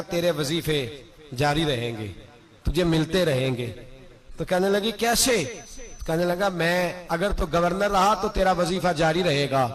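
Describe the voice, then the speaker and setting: A man preaching a sermon, retelling a story with emotional, rising exclamations. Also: a little high.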